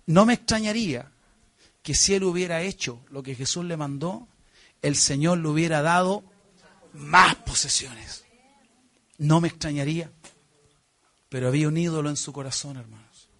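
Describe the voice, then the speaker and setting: A man with a Chilean accent preaching a sermon, emphatic and questioning his congregation, swinging from loud exclamations to hushed, earnest passages. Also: a little high, moderate pace, pauses often. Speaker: pastor.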